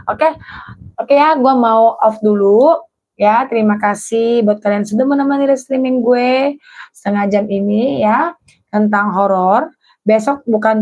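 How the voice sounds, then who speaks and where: Chatty woman host, lo-fi sound. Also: mid-range voice. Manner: chatty, slangy, lively storytelling. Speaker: live stream host. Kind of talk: casual storytelling live stream. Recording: dull lo-fi stream audio.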